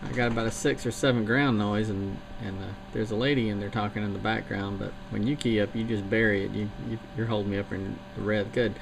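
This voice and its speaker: Over a static-heavy radio link, a Charleston-area CB operator discusses his equipment matter-of-factly. His lowish voice stays fairly even, moves a little fast with few pauses, and has a touch of vocal fry.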